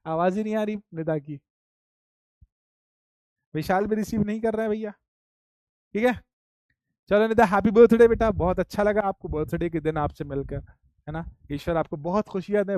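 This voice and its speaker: A man's voice: high-pitched, moderate pace, long pauses, darkish tone, no room sound. A male teacher, teasing his students playfully and calling out their names on an online class video call.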